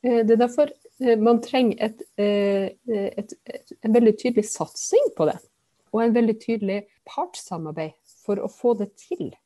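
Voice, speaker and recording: A woman politician answering questions in a casual interview over a video call, pausing often with filler sounds. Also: on the high side, animated, mellow, no echo, studio quality. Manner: hesitant, many filler sounds. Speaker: politician, podcast guest.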